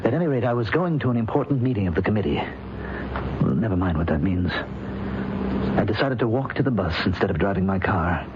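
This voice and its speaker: A man playing a bewildered, frightened modern man in an old-time radio drama, speaking haltingly and with agitation. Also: fairly low pitch, expressive, natural voice. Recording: muffled, noisy vintage radio recording.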